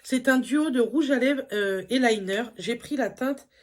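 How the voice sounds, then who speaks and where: A woman's voice: a little high, measured pace. A woman, chatting casually through a beauty haul, full of fillers and enthusiastic asides. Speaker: beauty vlogger.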